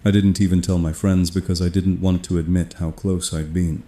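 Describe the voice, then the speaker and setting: Man, scripted horror narration, steady grim delivery, echoey room. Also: deep voice. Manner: steady, grim, measured storytelling.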